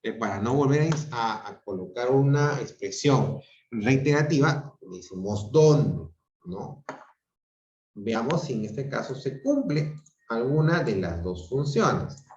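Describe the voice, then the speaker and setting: A man's voice: medium pitch, animated, slow, a little mellow. A male teacher giving an online grammar class, explaining step by step and checking in with his students often. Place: home room on a video call. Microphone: video call microphone. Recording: roomy, dull video call audio.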